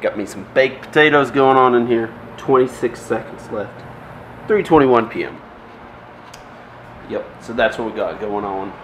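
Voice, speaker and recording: A man's voice: medium pitch, lively intonation, moderate pace, long pauses, a bit bright. A man filming his kids at home, giving a playful, teasing play-by-play like a sports announcer, picked up by the handheld camera he is holding. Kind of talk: casual home video narration. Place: family home. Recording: noisy home camera audio.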